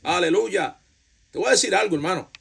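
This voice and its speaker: A man's voice: high voice, a little fast, gravelly, a bit bright, breathy edge. A male pastor preaching a fervent sermon, breaking in again and again with cries of hallelujah and glory to the Lord and calling the congregation to praise.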